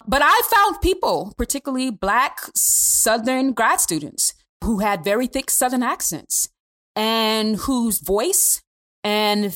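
Animated woman host, lively pitch. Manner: animated, halting, many restarts. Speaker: podcast host. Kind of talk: podcast interview.

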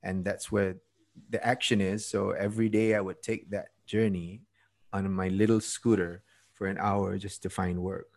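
A Malaysian man in his fifties, a podcast guest and TED speaker, tells his story conversationally, laughing at himself and often trailing off. His voice is deep, creaky and darkish in tone, with little pitch movement and a normal speed.

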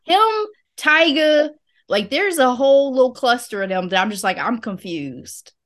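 A woman's voice: high-pitched, lively intonation, moderate pace, a bit bright. An American woman co-hosting a casual chat podcast, reading headlines and riffing with slang. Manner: reads headlines then riffs with slang. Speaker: podcast co-host.

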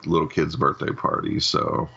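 A man co-hosting a podcast, casually retelling a film plot in a relaxed way. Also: moderate pace, muffled recording. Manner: relaxed storytelling, recounting a plot with restarts. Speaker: podcast co-host. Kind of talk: casual chat about films.

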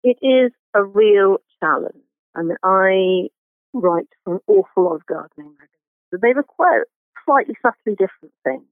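A man with a high-pitched voice talks gardening as an interview guest, stumbling through restarts and fillers. The sound is thin and phone-like, and dry. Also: lively intonation, no echo. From Britain. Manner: halting, many restarts and fillers. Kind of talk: conversational interview. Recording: phone-like remote line.

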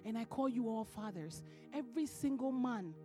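Woman minister, high voice, preaching with rising emphasis in a church. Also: animated, normal speed, mellow, faint music behind. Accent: non-American English. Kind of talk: sermon.

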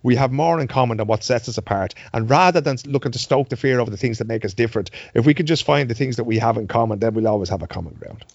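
A man's voice: mid-range voice, fast, few pauses, darkish tone, husky, no echo, lo-fi sound. An Irish man, a journalist guesting on a podcast, chatting casually with earnest points and joking banter.

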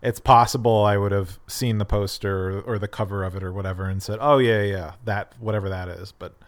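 A man's voice: fairly low pitch, steady tone, fairly quick. Man, podcast co-host, hesitant, lots of ums, self-deprecating. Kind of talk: casual film podcast chat.

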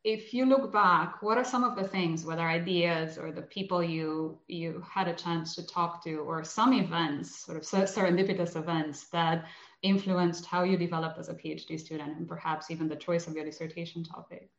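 A woman interviewer asks measured, carefully phrased questions in a lowish voice. Her sound is roomy and echoey and a little dull, as if over a remote line. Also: steady tone.

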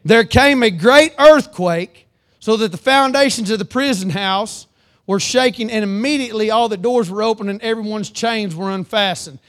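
A man preaching a sermon, reading scripture aloud and calling for amens, swinging between loud emphatic lines and low earnest ones. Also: a little fast.

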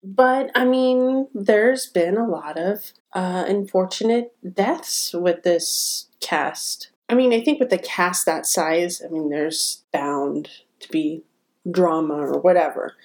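A woman's voice: lowish voice, slow, darkish tone. A woman chatting casually as a podcast co-host, with a slight whistle on her s sounds from wearing braces. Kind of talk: casual conversational podcast talk.

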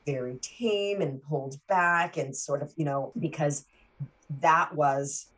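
Low-voiced woman telling her story. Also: slow pace, a bit bright. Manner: candid, restarts and repeats words mid-thought. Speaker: interview guest. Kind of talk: personal storytelling in conversation.

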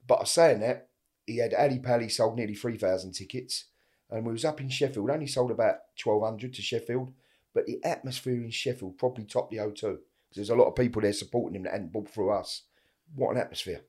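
A man's voice: medium pitch, brisk, a little mellow, husky. A middle-aged man with an Essex accent, chatting casually in a down-to-earth, emphatic way. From East London and Essex, England. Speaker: interview guest, a boxer's father. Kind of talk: casual chat.

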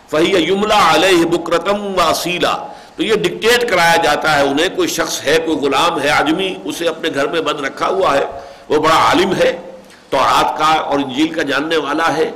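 A man's voice: fairly high pitch, pushed and bright, low-quality recording. An older man giving a religious lecture, reciting verses and explaining them. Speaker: Quran commentator.

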